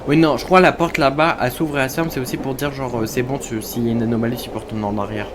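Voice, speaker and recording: A man chats through his game, teasing himself and addressing his viewers in a loose, casual way. His voice sits at an ordinary middle pitch, with clear game noise and ambience behind him. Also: fairly even intonation, very fast. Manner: chatty, self-mocking, talks to viewers. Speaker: gamer. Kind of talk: casual let's-play commentary. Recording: noticeable background noise.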